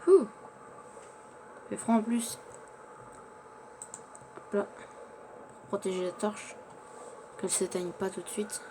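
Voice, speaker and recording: A man's voice: high voice, steady tone, takes it slowly, long pauses, background noise. A man playing in character, chatting through his survival game and narrating what he does, often stumbling over his words. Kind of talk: in-character survival gameplay commentary.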